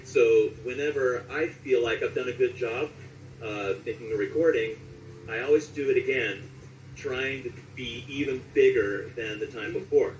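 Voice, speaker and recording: A man in his late forties, a voice actor being interviewed, tells stories conversationally in a medium-pitched voice at a moderate pace. The audio is dull, with roomy echo, a distant mic and clear background noise.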